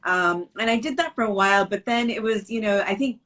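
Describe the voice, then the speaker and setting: Her voice is mid-range, a bit bright, and a little fast. She's a middle-aged Canadian business owner in a relaxed video-call interview, chatting with plenty of fillers and frequent restarts.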